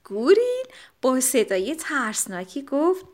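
A woman narrating a children's story in an animated, expressive way. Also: sits high.

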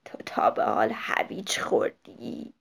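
Woman doing a sweet lonely old lady, soothing, wise, soft-spoken. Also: in a whisper, lightly acted. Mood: kind. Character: kind, lonely old woman on a park bench.

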